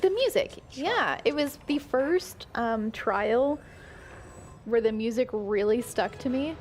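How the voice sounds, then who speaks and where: A woman's voice: on the high side, expressive, slow, soft background music. A woman chatting casually on a stream while she plays a game, laughing often. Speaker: guest streamer.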